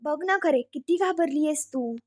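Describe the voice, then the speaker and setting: A woman's voice: high voice, normal speed, a little mellow, natural voice. Woman reading as a smug teasing young husband. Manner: mocking, needling.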